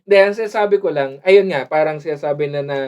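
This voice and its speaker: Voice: medium pitch, fast, noisy background. A podcast co-host in casual chat who laughs often, mixes English phrases into the talk and often stops to search for a word.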